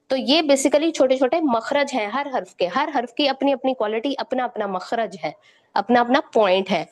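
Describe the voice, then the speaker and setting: A woman teaching Quran recitation, explaining each point and then quizzing her listeners with questions, with frequent checks of "okay?". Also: a little high. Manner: repeats "theek hai" to check understanding, quizzes listeners with questions. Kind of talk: explanatory lesson to students.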